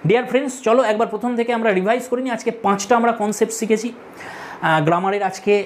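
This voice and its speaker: A woman's voice: a little high, fast, a little hiss or hum. A woman teaching an English grammar class. She speaks patiently, spelling words out letter by letter and asking the students questions. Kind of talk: classroom lesson.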